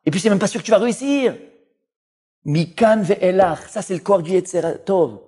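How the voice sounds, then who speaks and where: A man, a rabbi, giving an animated Torah lesson, speaking straight to his listeners. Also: high voice, normal speed, husky. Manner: animated, addresses listeners directly, full of Hebrew terms.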